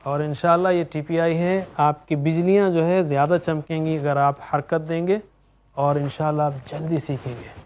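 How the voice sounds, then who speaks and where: A man teaching Quranic Arabic in an animated classroom lesson, chanting verb conjugations in a steady rhythm and urging his students along. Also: on the high side.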